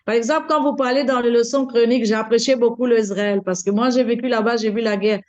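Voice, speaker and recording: A woman from Mauritius talks fast in a high-leaning voice with fairly even intonation, taking part in a casual group chat. She's talkative and repeats her phrases, and the lo-fi recording sounds dull.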